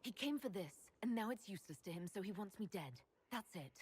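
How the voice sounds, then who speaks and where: A woman's voice: medium pitch, lively intonation, a little fast, husky. A woman playing a wary, determined heroine in a fantasy video game, serious and restrained. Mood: bitter. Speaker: game character actor. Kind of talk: dramatic video game dialogue.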